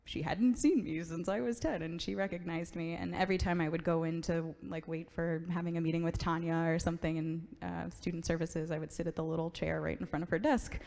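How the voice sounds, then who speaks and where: A woman's voice: on the low side, steady tone, brisk, gravelly, few pauses, darkish tone. A young woman speaking casually and ramblingly at a memorial. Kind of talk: memorial tribute. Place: school auditorium. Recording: long hall reverb.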